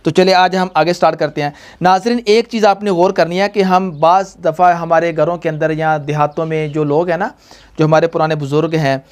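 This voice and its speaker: A man's voice: on the high side, fairly even intonation, fairly quick, smooth. A young man teaching a tajweed lesson, patient and repetitive, quizzing his pupils. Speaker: Quran reading teacher.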